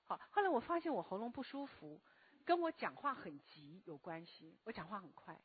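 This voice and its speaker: Slow-talking husky woman lecturer, tinny sound. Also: mid-range voice, very animated. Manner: speaks slowly and deliberately, often asking the listeners questions. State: a bit hoarse from a recent cough. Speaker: lecturer and meditation teacher. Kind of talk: spoken self-help lecture to a live class.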